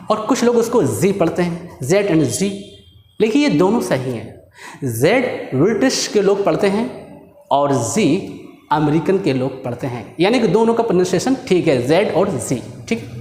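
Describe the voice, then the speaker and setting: A man teaching a spoken English lesson. He explains step by step, often checks in with "okay", and drills letters slowly for the class to repeat. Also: high voice. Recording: echoey room with long reverb.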